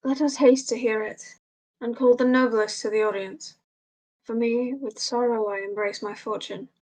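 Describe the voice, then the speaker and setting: A woman's voice: on the high side, fairly even intonation, moderate pace, darkish tone, natural voice, low-quality recording. A woman playing a solemn, formal young conquering prince in a verse drama. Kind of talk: amateur read-through of Shakespeare verse drama.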